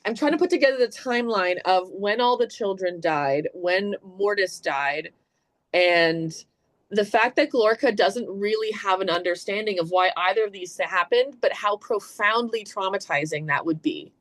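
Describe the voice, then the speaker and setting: A woman's voice: mid-range voice, moderate pace. Chatty woman podcaster thinking aloud. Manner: animated, thinks aloud with many "like"s. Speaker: podcast co-host. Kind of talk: casual book-club podcast discussion.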